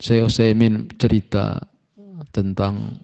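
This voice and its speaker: Gravelly-voiced man giving a sermon. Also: slow pace. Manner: storytelling, animated pitch jumps for emphasis. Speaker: Islamic teacher. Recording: muffled lo-fi recording.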